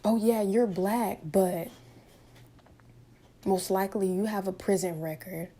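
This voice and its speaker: Speaking from home directly to the camera, a twenty-something woman gives a fervent, opinionated monologue full of rhetorical questions. Her medium-pitched voice is mellow, with fairly even intonation and a measured pace.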